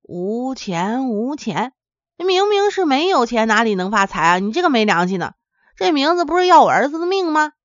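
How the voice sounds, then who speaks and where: A woman voicing a quick-tempered village wife who scolds her husband in a high, indignant tone. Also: a little mellow, no echo, highs cut off.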